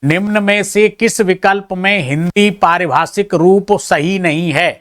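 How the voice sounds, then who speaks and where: A teacher whose voice sits high and fairly bright goes a little slowly through an exam answer key, reading each question out and checking its options one by one. Along the way he makes chatty, self-deprecating comments to his students, in a dry, studio-quality recording.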